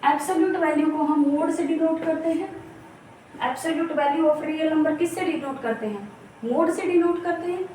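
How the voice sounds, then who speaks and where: A woman's voice: sits high, normal speed, darkish tone. A woman teaching math step by step, repeating key terms and asking herself rhetorical questions. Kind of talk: exam-prep lecture on real analysis. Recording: echoey room, mic at a distance, faint background noise.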